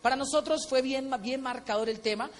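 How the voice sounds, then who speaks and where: Animated Colombian man on stage. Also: very high-pitched, fairly quick. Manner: animated storytelling, acting out quotes. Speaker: motivational speaker. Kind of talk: stage talk at a convention. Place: large convention hall. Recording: echoey hall with faint noise.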